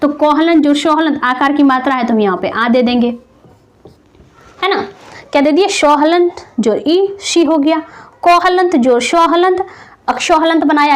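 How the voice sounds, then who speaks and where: A woman teacher explaining grammar patiently and step by step, asking rhetorical questions and repeating sounds slowly. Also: high voice. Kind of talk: classroom grammar lesson.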